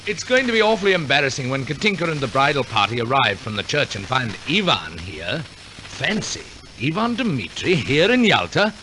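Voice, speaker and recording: On a noisy 1940s radio broadcast recording, a man narrates an operetta in a theatrical, wry, tongue-in-cheek storytelling style. His medium-pitched voice is sing-song, pushed, and bright, at a moderate pace.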